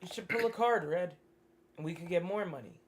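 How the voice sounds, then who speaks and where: A man in a tabletop game, playing his character in a brash, excitable way. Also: sits high, a little fast. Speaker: player.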